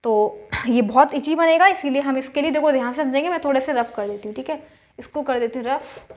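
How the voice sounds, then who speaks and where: A woman's voice: high voice, brisk, a little mellow. A woman math teacher, patiently explaining a solution step by step and often checking that students follow.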